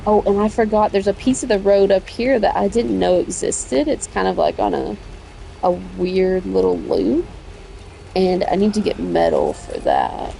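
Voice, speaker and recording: A woman's voice: medium pitch, expressive, a little slow, creaky, warm tone, a little hiss or hum. A woman chatting casually on a livestream while she plays a video game, rambling and self-correcting as she talks and laughing easily.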